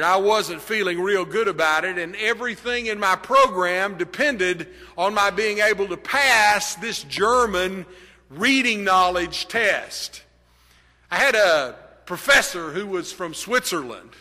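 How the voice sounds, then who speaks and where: A man's voice: sits high, pushed and bright. A middle-aged man preaching a sermon, telling a personal story and building to emphatic declarations. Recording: long hall reverb.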